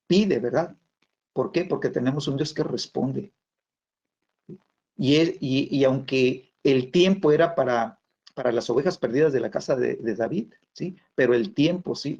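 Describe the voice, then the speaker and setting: Man, preacher, gravelly, husky, halting sermon, lo-fi recording. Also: medium pitch, a little mellow. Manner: halting, many fillers and tag questions. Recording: dull lo-fi sound.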